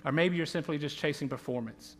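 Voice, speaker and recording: With a voice on the high side and a fairly quick pace, a man in his thirties preaches as a campus pastor, his Southern Louisiana accent clear. He talks earnestly and conversationally, restarting many times, with slight background noise. The large church auditorium gives the recording a long reverb.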